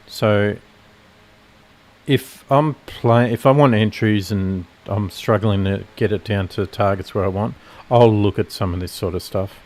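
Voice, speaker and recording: A man's voice: lowish voice, unhurried, a little mellow. A man with a nasal voice giving casual live commentary on futures trades, rambling and correcting himself as he explains his setups.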